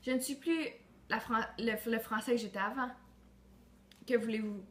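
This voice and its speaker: A woman's voice: a little high, moderate pace. Earnest declamatory woman. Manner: earnest, declamatory, with frequent restarts. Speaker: student. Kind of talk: recited monologue for a school project. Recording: roomy echo with faint ambient noise.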